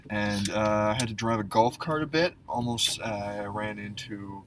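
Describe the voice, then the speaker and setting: A young man as a guest in a casual car chat, talking in a dry, reluctant, deadpan way. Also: fairly low pitch, unhurried. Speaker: podcast guest. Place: inside a car, passenger seat. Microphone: camera held in his lap. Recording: distant mic with background noise.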